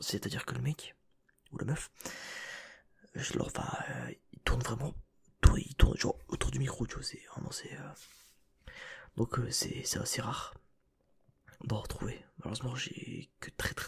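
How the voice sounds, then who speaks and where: A man's voice: mid-range voice, sing-song, moderate pace, vocal fry, pauses often, breathy edge. Man whispering ASMR right in your ear. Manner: whispering close to the mic, right in the listener's ear; rambling, casual and informal, addressing the listener directly. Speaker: ASMR video creator and host. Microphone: close binaural microphone.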